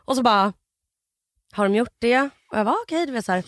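A woman's voice: a little high, animated, dry recording, studio quality. A young woman co-hosting a podcast, telling a story animatedly with lots of fillers and acted-out quotes. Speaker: podcast co-host.

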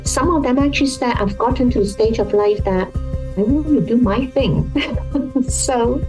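Speaking at a measured pace in a slightly high voice, a health policy professor from Hong Kong gives explanatory interview answers as an expert guest. The audio is poor and has music behind it, and she is opinionated and emphatic, frequently asking rhetorical questions.

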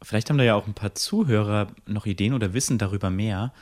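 A woman co-hosting a casual podcast chat in relaxed, playful banter. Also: extremely low pitch, quick pace. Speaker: podcast co-host.

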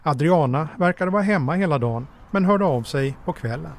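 A man giving calm, measured, scripted narration as a documentary narrator. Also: a little high.

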